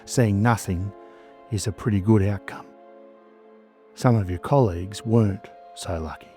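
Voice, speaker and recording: Male Australian narrator, deep register, scripted spooky storytelling with dramatic short phrasing, music underneath. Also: dark tone. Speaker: host and storyteller of a ghost story show.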